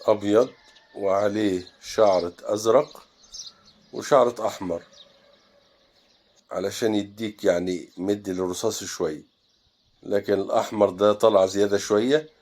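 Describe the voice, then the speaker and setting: In this calm landscape painting tutorial, the teacher, a man with an Egyptian Arabic accent and a fairly low voice, works step by step. While mixing paint he thinks aloud, with pauses and short fillers breaking up his speech.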